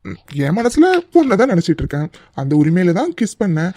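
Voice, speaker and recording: A man's voice: sits high, big pitch swings, fast talker, mellow, dry recording, clean studio sound. Man voicing a cocky, teasing young lover. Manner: playful, boastful teasing.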